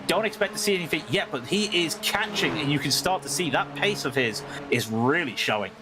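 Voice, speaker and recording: A man's voice: on the high side, animated, brisk, music in the background. A man working as a motorsport co-commentator, analysing a sim race live in short, conversational phrases.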